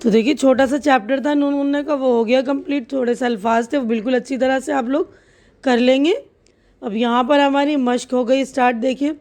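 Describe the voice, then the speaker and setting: A woman teacher walks through a lesson step by step, spelling each letter out slowly and with patience. Her voice is fairly high but soft and mellow. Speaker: Urdu teacher. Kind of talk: slow step-by-step lesson explanation.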